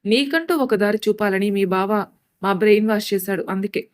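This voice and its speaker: A woman's voice: mid-range voice, a little fast, lightly acted. A woman voicing a mother in a storybook who explains things plainly. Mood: explaining. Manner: explaining, matter-of-fact.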